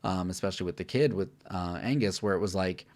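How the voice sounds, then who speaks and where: A man's voice: sits low, fast, a little mellow. A man co-hosting a casual film review, talking candidly with lots of fillers and restarts.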